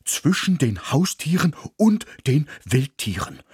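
A man's voice: fairly high pitch, sing-song, takes it slowly, a little mellow, slightly rough, no echo, clean studio sound, voice pushed up, exaggerated voice. A man voicing a male dog who speaks earnestly and insistently. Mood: urgent.

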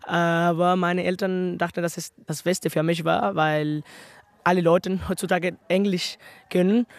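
A teenage boy speaks careful, earnest German. His voice is high for a male and has a gravelly edge. The sound is dry. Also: dry recording. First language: Spanish.

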